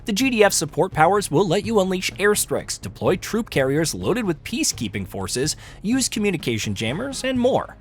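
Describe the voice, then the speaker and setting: A man's voice: high voice, sing-song, moderate pace, hardly any pauses, slightly rough, faint music behind. A man reading scripted top ten countdown narration about a video game, announcing headings and explaining in formal sentences.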